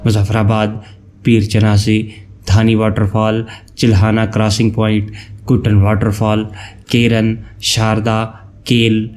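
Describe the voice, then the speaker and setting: A man's voice: on the low side, slow pace. Man narrating a travel guide voice-over. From Pakistan. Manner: steady, informative, listing places one by one.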